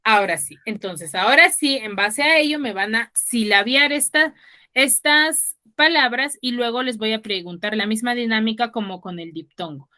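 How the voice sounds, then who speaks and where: Bright, higher-voiced woman teacher, patient step-by-step explainer, video-call lesson. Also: normal speed. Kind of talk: online class lecture.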